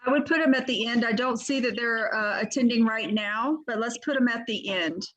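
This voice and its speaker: A woman's voice: on the high side, normal speed, fairly bright tone. A woman working as meeting staff, giving informal procedural advice over a meeting microphone. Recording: dull lo-fi meeting audio.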